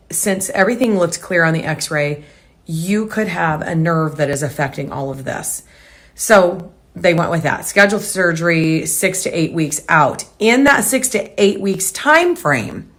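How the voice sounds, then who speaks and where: Low-voiced woman, hurried chatty blogger. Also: a bit bright. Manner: hurried, rambling with restarts. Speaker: home decor blogger. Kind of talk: casual talk to camera.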